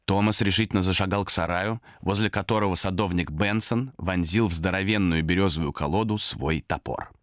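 A man reading a scary story aloud as narrator, dramatic and expressive. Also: sits low, fairly quick, few pauses, no echo, studio quality. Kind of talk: audiobook narration of a horror tale.

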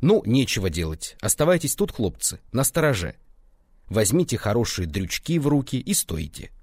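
A man voicing a hard-of-hearing old village constable, hoarse and gruff, shouting his words. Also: medium pitch, big pitch swings, moderate pace, no echo, studio quality.

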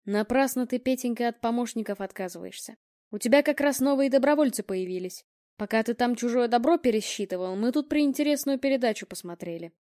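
A woman's voice: on the high side, fairly quick, warm tone, dry recording, clean studio sound, close to an everyday voice. A woman voicing an elderly male investigator, wry and fatherly in tone. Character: old male retired investigator, wry and kind.

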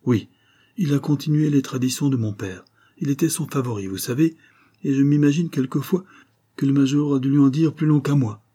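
A man voicing an uneasy, fussy gentleman who speaks nervously and with perplexity, in an audiobook reading. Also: mid-range voice, brisk, breathy edge, voice pushed up, lightly acted. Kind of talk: audiobook character voice.

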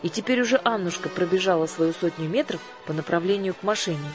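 A woman narrating an audiobook in a measured, expressive storytelling manner. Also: on the low side. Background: faint music.

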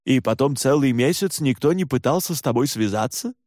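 A man's voice: medium pitch, expressive, fairly quick, darkish tone, dry recording, clean studio sound, close to an everyday voice. A man voicing a stern older male head doctor who speaks curtly and with irritation. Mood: curious. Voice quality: gruff, curt. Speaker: head physician.

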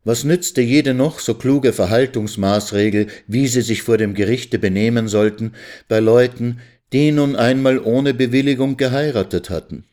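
A man reading literary fiction aloud in a measured storytelling way. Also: mid-range voice, a little mellow. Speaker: reader on radio.

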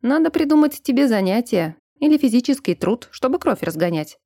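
A woman voicing a gruff, protective young man, blunt and bossy, in an audiobook. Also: a little high, very animated, brisk, dark tone, dry recording, studio quality, pitched above the performer's own voice. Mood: calm teasing.

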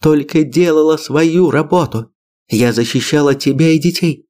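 A man voicing a fierce shouting woman. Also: moderate pace, close to an everyday voice. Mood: angry. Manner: shrill heated shouting. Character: angry middle-aged woman biologist, fierce.

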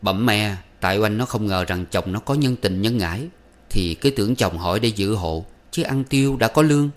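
A man's voice: lowish voice, moderate pace, close to an everyday voice. A man reading aloud and voicing a grown son who speaks respectfully and earnestly to his mother. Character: polite grown son, worried.

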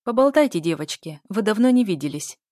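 A woman's voice: medium pitch, sing-song, fairly quick, a little mellow, no room sound, studio quality, natural voice. A woman reading aloud, voicing a polite man who speaks with a courteous smile. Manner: polite, smiling. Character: polite, smooth man, the narrator's fiancé.

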